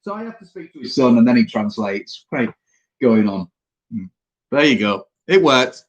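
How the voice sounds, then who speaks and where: Yorkshire man, trucker host of a live Q&A, loose rambling delivery, mid-pitched everyday voice. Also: sing-song, normal speed, dull audio. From Yorkshire, England. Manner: rambling, answers viewer questions aloud. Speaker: truck driver hosting a live Q&A. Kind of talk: casual live-stream chat.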